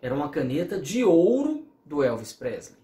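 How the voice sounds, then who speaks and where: A man's voice: on the high side, very animated, moderate pace, mellow, roomy sound. A man teaching a recorded law lecture, explaining through worked examples and acting out bits of quoted dialogue. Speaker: law professor.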